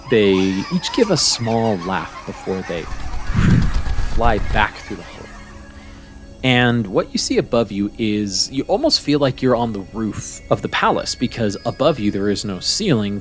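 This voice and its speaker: A man narrating a tabletop game as game master, in measured, descriptive phrases with pauses. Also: fairly low pitch. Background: soft music.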